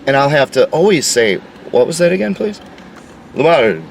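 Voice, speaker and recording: A man's voice: a little high, lively intonation, a little fast, vocal fry, recorded from a distance, a little hiss or hum, low-quality recording. A man delivering an insistent, lecturing opinion monologue. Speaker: commentator.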